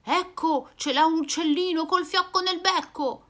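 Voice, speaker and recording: A woman voicing a friendly, excitable dog in a storybook reading, eager and chatty. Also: very high voice, a little slow, voice pushed up.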